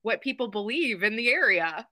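A woman's voice: fairly high pitch, animated, normal speed, pushed and bright, no room sound. A woman from Kentucky, a guest in a casual conversation, talking in a friendly, reflective way.

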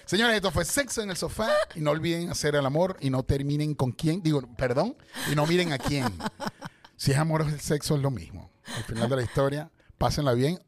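A man's voice: fairly high pitch, fairly quick. A man hosting a sex-talk show who jokes, teases and laughs often with his co-host. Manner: jokey, teasing, laughs often.

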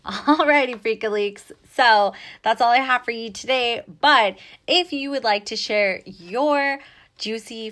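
A woman's voice: medium pitch, pushed and bright. A woman hosting a podcast, talking frankly and casually, swearing freely and filling her speech with "like" and "you know". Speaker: podcast host. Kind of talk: casual podcast monologue on sex and relationships.

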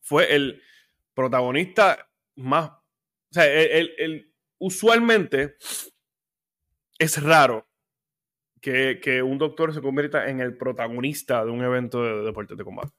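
A man's voice: mid-range voice, unhurried, pauses often, fairly bright tone. A man hosting a sports podcast, talking casually and breaking into heated rants with plenty of fillers. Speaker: podcast host.

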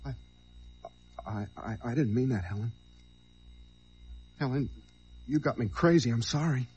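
A man's voice: mid-range voice, measured pace, a little mellow, lo-fi sound, lightly acted. A man playing a frantic cornered small-time crook. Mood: pleading. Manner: frantic, stammering, pleading. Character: desperate small-time male crook on the run. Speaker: lead actor and narrator of the story. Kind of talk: 1940s radio acting. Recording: hissy old radio drama recording.

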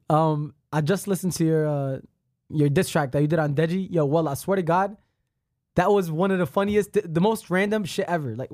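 A man hosting a casual podcast, animated and slangy, swearing freely and repeating phrases for emphasis. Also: fairly high pitch, moderate pace, no echo, studio quality. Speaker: podcast host.

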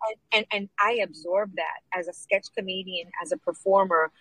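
A middle-aged woman comedian from New York, chatting in an interview, upbeat and lively, dropping Spanish phrases now and then. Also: mid-range voice, moderate pace, husky, dry recording, rough recording. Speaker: guest, comedian and producer. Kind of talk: casual interview chat.

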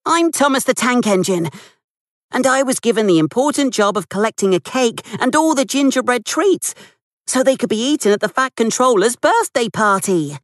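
A woman's voice: fairly high pitch, expressive, moderate pace, no echo, studio quality, close to an everyday voice. A woman voicing a friendly, eager young tank engine who speaks politely in a storybook reading.

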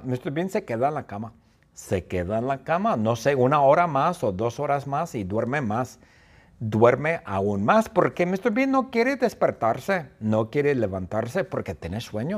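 A male teacher narrating a story slowly and playfully for language learners, repeating phrases and adding sound effects. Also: medium pitch, husky. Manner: slow, repetitive, playful retelling with sound effects.

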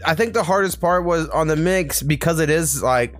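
A man's voice: fairly high pitch, moderate pace. Man rambling casually over faint music. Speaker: music review podcast host. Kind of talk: casual chat with profanity.

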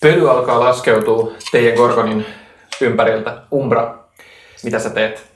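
A man running a tabletop game as game master, narrating the scene calmly with occasional filler sounds. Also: mid-range voice, reverberant, a little hiss or hum.

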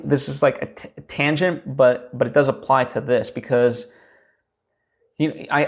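A young podcast host with a gravelly, mid-range voice gives writing advice in a loose, casual teaching talk. He rambles, fills gaps with fillers, and keeps restarting his sentences.

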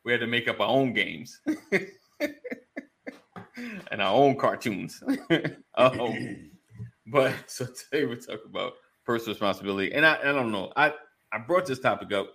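In a mid-range, gravelly voice with a fairly bright tone, this man talks at a moderate pace and pauses often. He hosts a casual live online show for a men's community, bantering with his audience like a morning radio DJ, informal and colloquial, greeting listeners by name.

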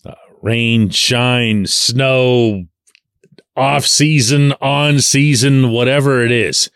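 A man in his forties from Pittsburgh, hosting a solo sports podcast and talking in an animated way, stretching the words he wants to stress. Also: medium pitch, drawn-out words, clear, resonant tone, dry recording, studio quality.

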